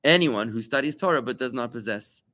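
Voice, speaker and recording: A male rabbi leading a Talmud study class in a room with his students. His voice sits in an ordinary middle pitch. He talks in an animated way, firing off rhetorical questions and repeating key points to drive them home. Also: a little fast. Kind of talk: lively classroom teaching.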